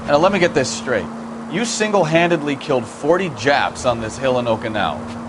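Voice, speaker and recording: An actor playing a mocking 1940s Los Angeles police officer with an American accent, needling in a sarcastic, drawn-out way. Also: male voice, mid-range voice, lively intonation, noisy background, lightly acted.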